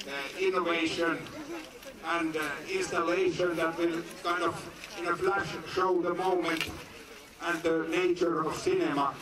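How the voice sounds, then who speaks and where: Finnish-accented man, high voice, earnest formal speech, heard from far off in a hall. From Finland. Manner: earnest, declamatory, short phrases with pauses. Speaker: guest speaker at a film screening. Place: large indoor venue. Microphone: phone recording from the audience.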